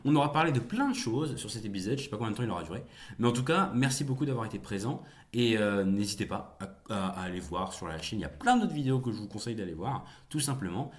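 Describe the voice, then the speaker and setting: A man's voice: lowish voice, expressive, fast talker. A young man hosting a casual solo video, chatty and jokey with viewers, rambling with many fillers and restarts. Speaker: YouTube host reacting to film news.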